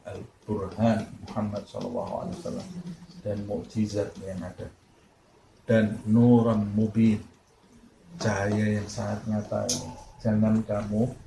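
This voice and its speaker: Preacher man, gravelly, faint noise behind, echoey room. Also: lowish voice, a little mellow. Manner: storytelling with Arabic quotes and rhetorical questions. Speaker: ustadz giving Quran commentary. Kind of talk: tafsir sermon.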